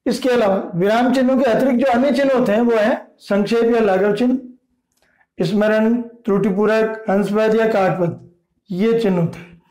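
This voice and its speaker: A man teaching a grammar lesson, slowly listing terms and giving example sentences. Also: very high voice, warm tone. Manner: slow, deliberate listing of terms. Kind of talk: explaining a Hindi grammar lesson. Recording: echoey room.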